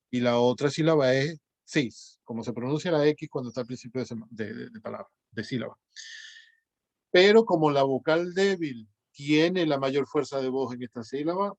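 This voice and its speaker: A man's voice: medium pitch, no room sound. A man lecturing his class over a video call, explaining step by step with many fillers and self-corrections. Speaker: teacher.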